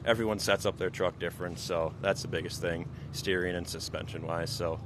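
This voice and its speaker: A man answering interview questions as a race driver, casual and a little halting. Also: sits low, steady tone, noisy background. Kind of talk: trackside interview.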